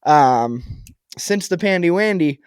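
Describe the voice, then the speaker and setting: A young man co-hosting a podcast in casual banter, loud and joking, swearing often and laughing a lot. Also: fairly high pitch, animated, slow, smooth, dry recording, clean studio sound. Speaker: podcast co-host.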